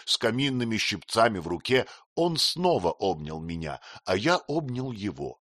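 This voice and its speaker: A man reading a novel aloud in the first person with expressive storytelling. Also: fairly low pitch, normal speed, no room sound, clean studio sound. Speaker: narrator. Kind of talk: audiobook reading.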